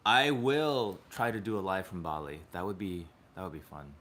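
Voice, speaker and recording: Chatty, lively man livestreaming from home. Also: low voice, moderate pace. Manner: chatty, laughs often, reads chat aloud. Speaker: livestream host. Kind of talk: casual livestream chat.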